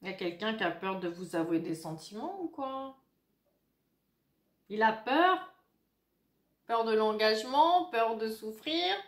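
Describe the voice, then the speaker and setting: Woman doing a laid-back tarot reading, slow and slightly high voice, lots of euh, echoey room. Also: animated. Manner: chatty, hesitant, many fillers and asides. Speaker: tarot card reader. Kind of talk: casual tarot reading for viewers. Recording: roomy echo.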